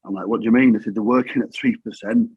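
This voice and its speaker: A man's voice: lowish voice, fairly even intonation, fast talker, breathy edge, dry recording, lo-fi sound. A middle-aged man with a Yorkshire accent, telling his story in plain-spoken, matter-of-fact talk that often repeats itself. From England. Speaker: guest. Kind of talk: casual storytelling.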